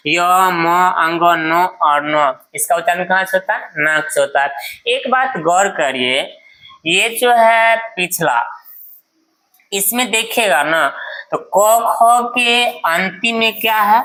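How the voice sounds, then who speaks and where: A woman's voice: fairly low pitch, sharp tone, low-quality recording. A woman teacher giving a grammar lesson, repeatedly asking a question and answering it herself. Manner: drills by asking and answering her own questions.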